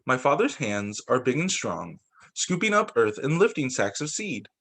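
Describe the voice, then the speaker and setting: A teacher reads storybooks to young children in a mid-range male voice at a moderate pace. He's expressive, but every so often he stumbles and re-reads a phrase.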